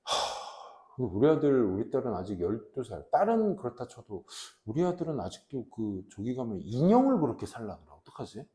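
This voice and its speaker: A man in his forties teaching a high school English class in a casual, joking way, reading English slowly and translating it. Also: sing-song, warm tone, reverberant. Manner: chatty, jokes with students, asks them questions; reads English slowly, then translates into Korean.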